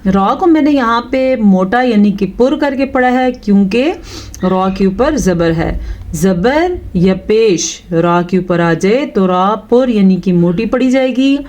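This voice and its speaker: A woman teaches Quran recitation in a calm, unhurried lesson. Her pace is very slow and her pitch sits in a middle range. She stretches out each recited word and patiently explains how to say it.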